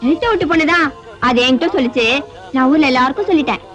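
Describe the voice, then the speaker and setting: An actress playing a gossipy, naive young woman in an old film, chatty and quick to spread news. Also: high voice, fairly bright tone. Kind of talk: 1980s film dialogue. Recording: dull old film soundtrack with music.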